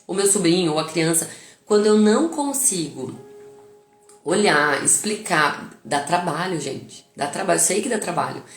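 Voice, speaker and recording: A woman's voice: lowish voice, roomy sound. A Brazilian woman who is a mother, hosting a live talk on parenting in a casual teaching style. She acts out quoted phrases and puts questions to her viewers. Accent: Brazilian Portuguese. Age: adult mother. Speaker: live-stream host on parenting and emotions.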